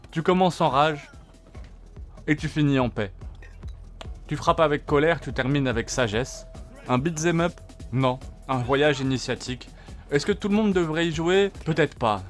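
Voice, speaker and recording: A man narrating a scripted video game review in punchy short phrases and rhetorical questions. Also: a little high. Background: faint background music.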